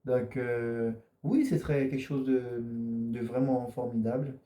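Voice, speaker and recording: A man answers interview questions earnestly, often stumbling and repeating himself mid-sentence. His voice is dark and mellow, and the recording has a roomy echo around it. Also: medium pitch, steady tone, measured pace. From French Guiana. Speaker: interview guest.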